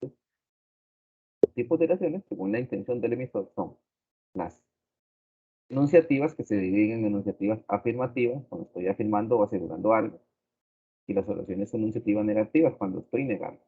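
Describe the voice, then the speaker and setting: Guy teaching a grammar class, slow and deliberate, kinda low voice, sounds like a phone recording. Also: husky, narrow, tinny audio. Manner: slow, deliberate, repeats examples. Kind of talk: grammar lesson.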